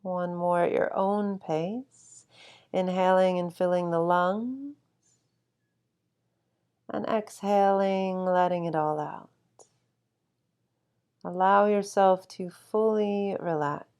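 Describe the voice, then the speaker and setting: A woman guiding a sleep meditation with calm, soothing instruction and long, unhurried pauses. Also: fairly low pitch, clear, resonant tone. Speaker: meditation guide.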